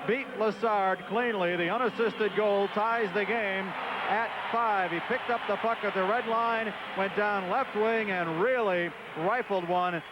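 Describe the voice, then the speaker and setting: A man's voice: high voice, steady tone, unhurried, background noise. A man giving hockey commentary, recapping the plays and statistics. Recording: muffled vintage broadcast with loud music.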